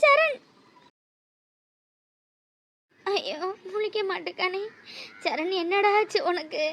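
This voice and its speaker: A woman's voice: high-pitched, very animated, measured pace, no room sound, heavily acted. A woman voicing a young cartoon mother caring for her two sick small children, coaxing tenderly and pleading in tears. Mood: sobbing. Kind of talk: cartoon voice acting.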